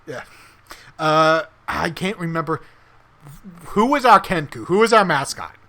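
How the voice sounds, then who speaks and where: A man co-hosting a podcast, chatting casually and telling animated stories about a tabletop campaign, acting out characters' lines. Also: on the high side, measured pace. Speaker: podcast co-host and tabletop player. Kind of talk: casual chat.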